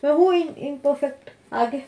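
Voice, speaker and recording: A woman's voice: sits high, normal speed, dark tone, lo-fi sound. A woman in a casual argument with her husband, blunt and insistent, demanding that he speak straight. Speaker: wife in a prank video.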